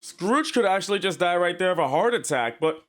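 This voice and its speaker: A man's voice: high voice, animated, a little fast, a bit bright. A man giving casual, exclamatory reaction commentary as a video host, sounding incredulous.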